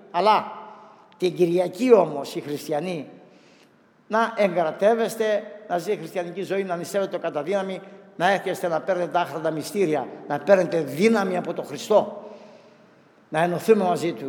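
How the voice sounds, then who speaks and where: A man's voice: high-pitched, long reverb tail. A man, an Orthodox priest, preaching a fervent sermon with rising emphasis in a church.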